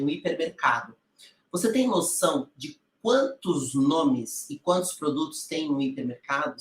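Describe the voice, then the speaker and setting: A woman's voice: low-pitched, a bit bright. A woman voice-over coach teaching directly, putting rhetorical questions to her listeners and addressing them familiarly. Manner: calls the audience "gente" in a familiar way. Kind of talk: online teaching talk. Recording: roomy echo.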